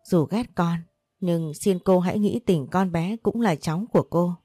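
A woman's voice: fairly low pitch, normal speed, dark tone, breathy edge, dry recording, studio quality. A woman voicing a desperate young mother who pleads urgently to protect her child in an audio story. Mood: pleading.

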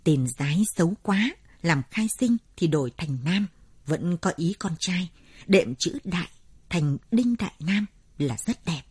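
A woman's voice: lowish voice, lively intonation, a little slow, a little mellow, slightly rough, no room sound, clean studio sound, exaggerated voice. A woman voicing a matter-of-fact village schoolteacher giving advice in a spoken story. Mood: advising.

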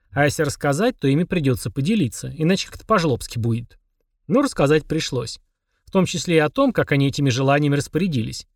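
A man narrating an audiobook in an even storytelling manner. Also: on the high side, no room sound, studio quality.

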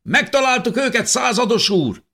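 A man voicing harsh male soldiers who bark shouted commands. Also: extremely high pitch, lively intonation, gravelly, voice pushed up, exaggerated voice. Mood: commanding. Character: harsh adult male soldiers hunting fugitives.

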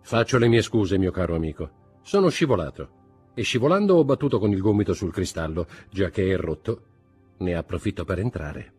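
A man voicing a mysterious nobleman who speaks calmly, gently and firmly, with a husky voice. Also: sits low, brisk, soft background music. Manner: calm, gentle, firm.

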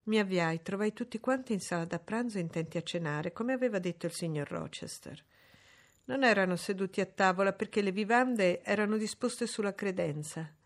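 A woman narrating a classic novel as an audiobook in a measured, clear reading voice. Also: medium pitch.

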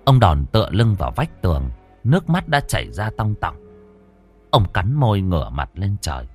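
Lively, low-voiced male storyteller. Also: moderate pace, breathy edge, faint music behind. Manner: expressive storytelling. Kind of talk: audiobook narration.

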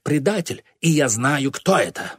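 Guy reading as a bossy kid gang leader, barking threats, husky voice, pitch jumping all over. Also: big pitch swings, a little slow, dry recording, clean studio sound. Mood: furious. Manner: commanding, accusing. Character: stern scheming boy gang leader.

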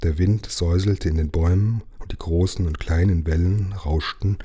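A man reading a children's book aloud in a gentle, unhurried storytelling manner. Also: low-pitched, steady tone, breathy edge.

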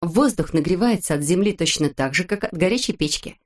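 A woman reading a children's book aloud as narrator, in a clear, expressive manner. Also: lowish voice, a little fast.

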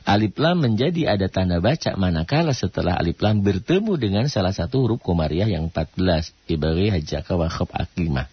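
A man leads a radio call-in lesson on Quran recitation, his voice low and slightly rough. He keeps posing questions and answering them himself, stretching out chanted examples. The lo-fi broadcast sound is dry and dull. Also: lively intonation, fairly quick, dry recording.

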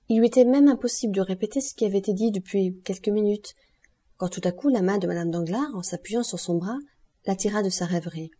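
Husky dark-toned woman reading aloud. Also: medium pitch. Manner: measured, steady reading. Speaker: audiobook narrator. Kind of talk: audiobook narration.

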